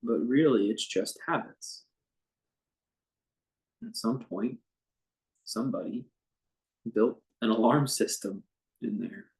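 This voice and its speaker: A man with a mid-range voice leads a guided meditation as the teacher. His speech is unscripted and conversational, gentle and halting, with long pauses throughout.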